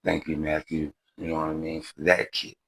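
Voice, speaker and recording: A man's voice: rumbling low, completely flat delivery, normal speed, creaky, fairly bright tone, dry recording, rough recording. A man in his forties hosting a model car channel, chatting casually to viewers in a laid-back, rambling way, often saying "y'all" and "you know what I mean.". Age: 40s.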